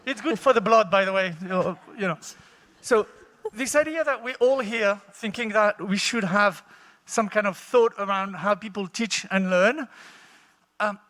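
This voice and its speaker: A man's voice: high voice, measured pace, a bit bright. A man with a light, feminine-sounding voice talks conversationally to an audience through a handheld microphone in a conference hall. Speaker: teacher, conference participant. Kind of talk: impromptu conference talk to an audience. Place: large indoor conference hall.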